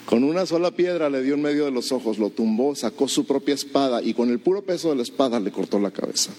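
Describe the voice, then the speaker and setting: A man, a pastor preaching an animated storytelling sermon in a church, asking the congregation rhetorical questions. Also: medium pitch, fast talker, a little hiss or hum.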